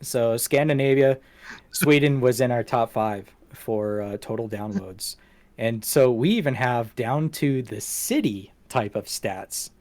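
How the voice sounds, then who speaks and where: Show stats are the topic as this podcast host talks casually, rambling and making light of himself. His voice is medium in pitch and a little mellow.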